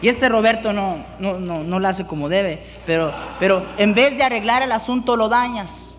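A man's voice: sits high, normal speed, a bit bright, big-room sound, a little hiss or hum. A male pastor preaching a sermon, acting out scenes and dropping in English words.

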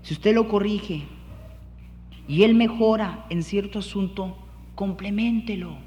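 A man's voice: high voice, measured pace, a little mellow, in a large hall, lo-fi sound, slight background noise. A male pastor preaching a sermon, acting out scenes and dropping in English words.

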